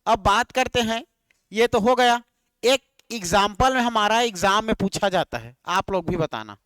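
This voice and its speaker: A man's voice: high-pitched, expressive, normal speed, fairly bright tone, clean tone, no echo. A man teaching an exam-prep grammar lesson, repeating words and quizzing his students with questions. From Chhattisgarh, India.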